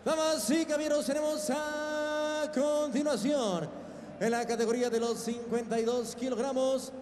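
A high-pitched older man works as a ring announcer in lucha libre style. He draws out names theatrically, his voice ringing with long arena reverb over faint noise. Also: fairly even intonation, normal speed, darkish tone. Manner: theatrical, stretching out the fighters' names. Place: large indoor boxing arena, in the ring. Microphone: handheld microphone.

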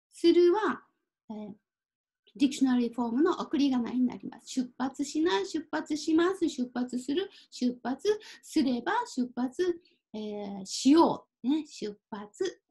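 A woman teaching a Japanese kanji reading lesson, speaking slowly and carefully, mixing in simple English explanations. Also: high voice, expressive, creaky, dark tone. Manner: apologizes and laughs at her own typo.

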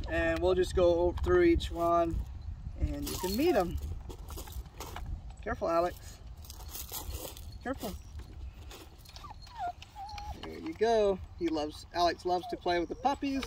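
Man, hoarse voice, fairly high pitch, casual puppy showcase, fond rambling talk, a little distant from the mic. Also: a little hiss or hum. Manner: fond, rambling, with frequent fillers and restarts. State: hoarse from sinus trouble. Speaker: dog breeder presenting a puppy litter.

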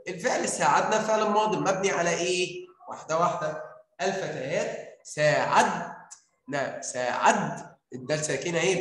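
A man with an Egyptian Arabic accent teaches a grammar lesson, coaxing answers out of his pupils with question after question. His voice sits high for a man. The sound rings with heavy room echo. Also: a bit bright. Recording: very echoey room.

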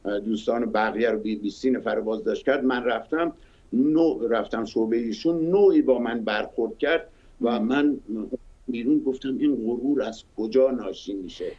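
A man, a journalist guest in an interview, speaking in an earnest, halting way with many fillers. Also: mid-range voice, dull audio. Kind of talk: broadcast interview.

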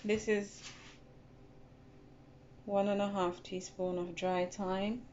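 This woman speaks slowly in a level, mid-range voice as she runs a relaxed cooking tutorial at the gas stove in her own kitchen. A chatty channel host, she repeats each step and addresses her viewers as "guys." Recorded on a phone, the sound is dull and lo-fi, with noise in the background.

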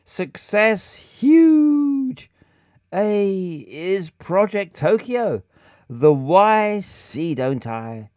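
A woman whose sentences run in backwards word order, as a man streaming a game reads her lines aloud. The words come slow and halting in a lively, rising and falling voice. The sound is close and dry. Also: sits high, no echo, exaggerated voice. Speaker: streamer voicing game characters.

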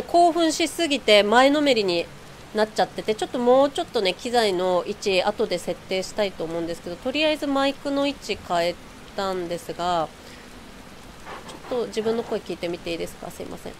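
A woman streaming a game live, shouting excitedly during fights and chatting apologetically to viewers in between. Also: medium pitch, brisk, a little hiss or hum. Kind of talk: live let's-play chat.

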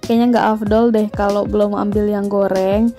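A woman's voice: medium pitch, flat delivery, normal speed, mellow, soft background music. A woman, chatting through a grocery haul voice-over and listing prices. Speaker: vlogger.

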